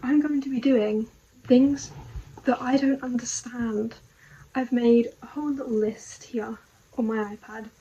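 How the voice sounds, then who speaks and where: A woman's voice: a little high, steady tone, measured pace, dark tone, muffled recording, soft background music. A young woman talking to camera in a casual, rambling video diary, puzzled and full of rhetorical questions.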